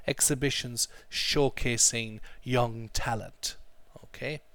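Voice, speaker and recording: A man's voice: medium pitch, fairly even intonation, slow, fairly bright tone, no echo. Man teaching English, dry sound. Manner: drills pronunciation, repeating phrases for students. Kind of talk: classroom language lesson.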